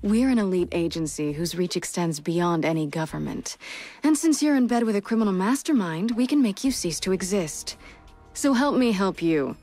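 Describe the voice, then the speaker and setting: A woman's voice: lowish voice, expressive, normal speed, warm tone, soft background music. An actress voicing a cool, commanding female agent who interrogates a suspect in a video game cutscene, speaking firmly and businesslike. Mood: stern. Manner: firm, businesslike.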